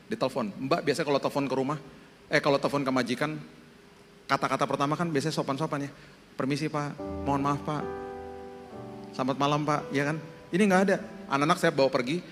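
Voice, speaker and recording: A man in his fifties, a pastor, preaching a sermon in lively storytelling style, acting out the voices he quotes. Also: mid-range voice. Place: church hall. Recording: long hall reverb with faint music.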